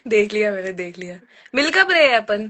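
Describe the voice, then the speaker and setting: Bright, teasing young woman on a live call. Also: medium pitch, fairly quick. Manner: teasing and animated, laughs often. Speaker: friend joining the live stream. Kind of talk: casual chat between friends.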